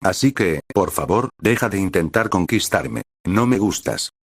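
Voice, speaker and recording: Blunt sarcastic teen girl, read by a male narrator, low and dry. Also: measured pace, vocal fry, no echo. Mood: exasperated.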